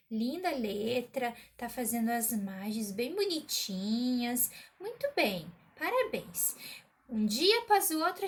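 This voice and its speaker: A woman teacher giving a recorded remote lesson to a child, slow and encouraging, often checking in with the listener. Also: high voice, fairly bright tone.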